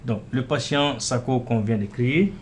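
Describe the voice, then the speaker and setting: A man giving a casual screen-recorded walkthrough of his clinic software, often saying "voilà" and "euh" as he clicks. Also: mid-range voice, normal speed, slight background noise. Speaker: software developer demonstrating his app.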